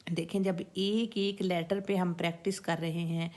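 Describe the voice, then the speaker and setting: A woman leads a recitation lesson, speaking at an unhurried, deliberate pace. Her voice sits a little low. She patiently repeats each word and sound so learners can practise along. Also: flat delivery, a little mellow. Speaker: Quran recitation teacher. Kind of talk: slow instructional lesson with recited examples.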